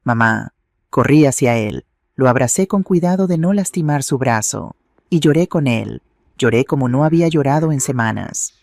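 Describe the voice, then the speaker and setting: A man narrating a first-person family drama in a steady, dramatic storytelling manner. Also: medium pitch, normal speed, gravelly, dry recording, studio quality.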